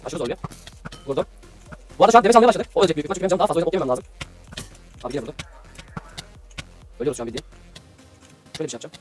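This young man from Adana rattles off quick gaming commentary in a high, eager voice. He talks to his viewers in loose, chatty slang and keeps the energy up as he plays. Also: very animated, soft background music. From Adana, Turkey. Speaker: gaming YouTuber. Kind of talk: live gameplay commentary.

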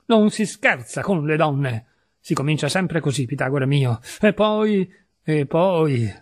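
Frantic young painter on the edge of madness, husky and high-pitched, swinging between elation and rage , read by a male narrator. Audiobook reading. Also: animated, moderate pace, no room sound, studio quality. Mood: furious. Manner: feverish, erratic outbursts. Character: distraught young man, deranged painter.

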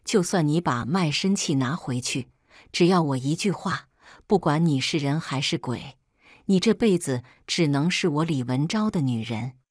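A woman's voice: low-pitched, animated, normal speed, darkish tone, no echo, studio quality. Woman voicing a possessive young noble lord. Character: obsessive possessive young noble heir, man.

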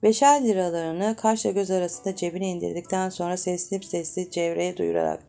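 A woman reading a novel aloud as narrator, with steady, measured storytelling. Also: fairly low pitch, creaky. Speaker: audiobook narrator. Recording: soft guitar music behind. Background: soft guitar music.

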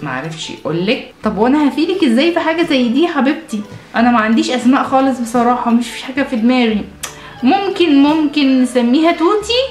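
Egyptian woman, fast-talking mom, firm tender scolding, high voice, echoey room. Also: lively intonation, faint music behind. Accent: Egyptian Arabic. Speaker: mother in a family skit. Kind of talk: scripted family sketch.

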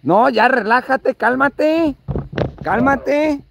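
A man's voice: very high voice, lively intonation, drawn-out words, creaky, a bit bright, slight background noise. A man with a Mexican accent scolding someone in a comic one-sided argument, exasperated and repetitive. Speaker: vlogger.

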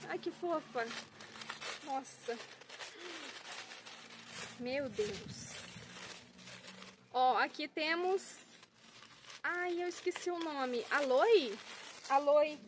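A woman's voice: sits high, lively intonation, takes it slowly, pauses often, a bit bright, slight background noise. A woman with a Brazilian Portuguese accent, unboxing plants for her vlog in an effusive, exclaiming way, often turning to her viewers. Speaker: plant vlogger.

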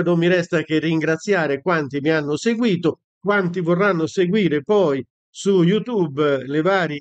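A man's voice: on the high side, no room sound, highs cut off. A man hosting the show in a plain, casual way, with small hesitations. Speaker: host. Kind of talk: casual broadcast talk.

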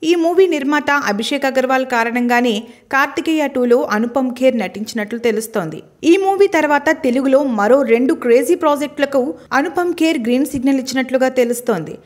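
A woman narrating a scripted entertainment news voice-over in an even, formal read-out manner. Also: sits high.

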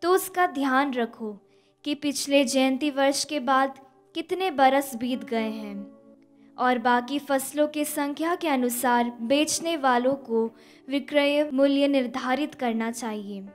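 A young woman reads scripture at a Mass lectern, her voice high and light, each phrase slow and even. Faint music plays softly behind her in the chapel. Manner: even, deliberate recitation of scripture and psalm. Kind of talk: slow, measured liturgical reading. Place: indoor studio chapel. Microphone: stand mic at a lectern.

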